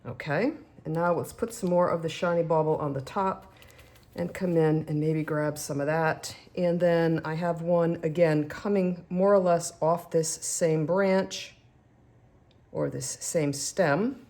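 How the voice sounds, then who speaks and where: In a relaxed crafting video, a woman chats away while showing how to stamp, making self-deprecating jokes as she goes. Her voice is deep, steady and mellow, and she speaks a little slowly.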